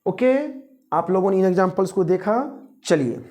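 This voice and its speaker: A man teaching English grammar for exams, reading example sentences slowly and quizzing his listeners, with an Indian accent. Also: high-pitched, lively intonation, dark tone. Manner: slow, drawn-out reading of example sentences, mixing English into instruction; quizzes listeners and pauses for guesses. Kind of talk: exam-prep grammar lesson.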